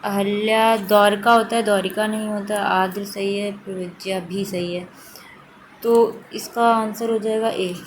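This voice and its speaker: A woman's voice: medium pitch, a little slow, slight background noise, rough recording. A woman teacher going through exam questions one by one, repeating each correct form to stress it. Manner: steady explanatory, repeats correct forms for emphasis. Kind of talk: exam question walkthrough lesson.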